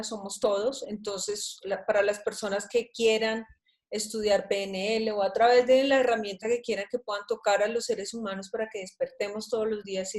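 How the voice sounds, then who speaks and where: A woman hosting an online talk, wrapping up with thanks and announcements in a friendly, halting way. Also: medium pitch. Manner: warm, thankful, restarts often. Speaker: host of an online talk series. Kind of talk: casual live closing remarks.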